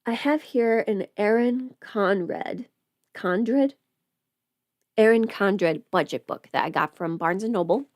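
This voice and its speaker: This is a young adult woman hosting a livestream in an informal, chatty way, frequently asking her audience rhetorical questions. Her voice is medium in pitch, slow and darkish, captured in a dry, studio-quality recording.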